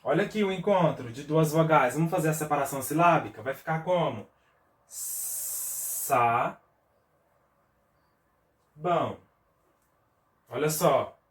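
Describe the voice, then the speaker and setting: A man's voice: fairly high pitch, animated, fast talker. A man with a Brazilian Portuguese accent teaching a recorded review lesson for schoolchildren, explaining step by step and checking in often. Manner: patient, explains step by step with frequent "tá?" check-ins and spelled-out syllables. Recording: roomy echo, voice a bit far from the mic.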